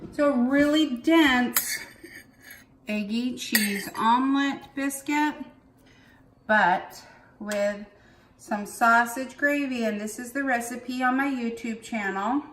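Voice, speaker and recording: A woman cooking show host talks viewers through a recipe in an unhurried, homey chat. She sits back from the mic in a roomy, echoey kitchen. Dishes and cutlery clink faintly behind her. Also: fairly high pitch, a bit bright, recorded from a distance, slight background noise. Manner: chatty, slow and homey. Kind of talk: home cooking demonstration. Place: home kitchen.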